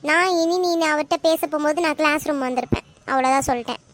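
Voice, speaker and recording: A woman's voice: sits high, fast, close to an everyday voice. A woman voicing a young college girl in a cartoon, with a Tamil Nadu accent and a teasing, sulky way of arguing with her friend. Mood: bickering. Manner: teasing, sulky back-and-forth. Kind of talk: cartoon voice acting.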